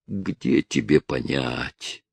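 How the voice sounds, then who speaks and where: A man's voice: deep voice, animated, measured pace, no room sound, exaggerated voice. A man voicing an angry, defiant young male vigilante who argues in a heated, raised voice.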